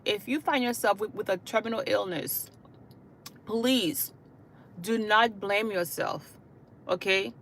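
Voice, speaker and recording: A Haitian hospice caregiver who hosts her own channel speaks earnestly to livestream viewers, frequently checking in with "okay?" and "you know." Her mid-range voice is a little bright and moves slowly, with long pauses, over a faint hiss or hum.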